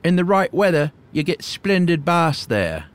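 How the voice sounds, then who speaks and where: A man voicing a reclusive male hermit who speaks in a clipped, old-fashioned, slightly nervous gentleman's manner. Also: fairly high pitch, big pitch swings, unhurried, voice pushed up. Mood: offhand chummy.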